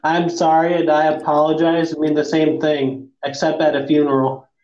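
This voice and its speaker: A man hosting a casual podcast with crude, dark joking, recorded in an untreated room that sounds like the inside of a fishbowl. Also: fairly high pitch, level tone, normal speed, roomy sound, highs cut off, a crowd in the background. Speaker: podcast host. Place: echoey room, not soundproofed.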